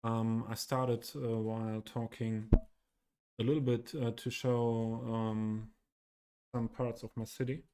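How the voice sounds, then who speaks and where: A man with a mellow, mid-range voice and fairly level pitch speaks over a faint hiss or hum. He's a native German speaker with a Western German accent, live-streaming as he walks through his city build. He halts often, fills gaps with many ums, and gropes for words in this casual commentary.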